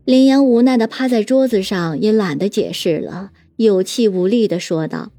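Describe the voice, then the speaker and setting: A woman's voice: mid-range voice, normal speed, mellow, no echo. A woman narrating a serialized detective novel, moving between plain narration and teasing character voices. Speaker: audiobook narrator.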